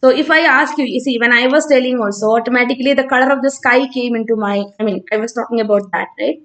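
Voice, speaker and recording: A woman's voice: on the high side, fast talker, fairly bright tone. A woman from Kerala with a South Indian accent, teaching informally on a live stream and talking conversationally as she answers students. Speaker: online physics teacher.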